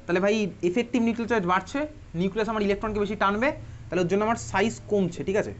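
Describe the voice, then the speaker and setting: Bengali-accented male teacher, rapid and chatty, quizzing the class, dull lo-fi room recording. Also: high voice, fairly bright tone. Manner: quick, chatty, teasing students and asking questions. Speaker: chemistry teacher. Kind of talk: classroom lecture.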